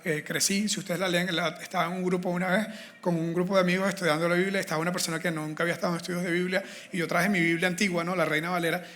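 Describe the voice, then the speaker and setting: A male preacher delivers a lively sermon. His voice sits high and sounds bright and forceful. He talks in a loose, conversational way and acts out the scripture quotes.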